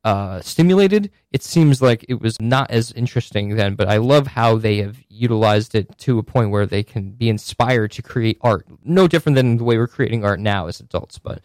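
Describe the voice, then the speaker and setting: A man's voice: fairly low pitch, expressive, normal speed, few pauses, darkish tone, no echo. A man hosting a casual chat, rambling along with many fillers and asides. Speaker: podcast host.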